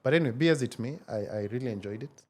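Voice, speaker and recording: A man in his forties, speaking as an interview guest in a measured, reflective way with frequent hesitations. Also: medium pitch, expressive, a little mellow. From Kenya. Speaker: guest, tech founder. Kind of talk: casual interview conversation.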